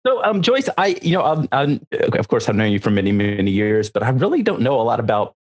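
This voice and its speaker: A man's voice: medium pitch, sing-song, fairly quick. A man hosting an interview show, asking questions in a friendly, informal way. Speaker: podcast host. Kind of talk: casual interview.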